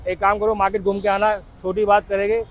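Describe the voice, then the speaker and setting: A man giving an on-camera sales pitch as a used-bike dealer, reeling off prices in a salesman's patter. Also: flat delivery, fairly quick. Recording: clear outdoor street and traffic noise.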